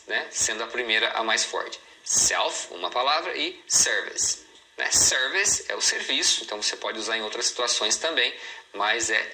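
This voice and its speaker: A Brazilian man teaching English pronunciation in a recorded online lesson, explaining patiently and repeating example words slowly. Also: medium pitch, bright, forceful tone, slight background noise, poor audio. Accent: Brazilian Portuguese.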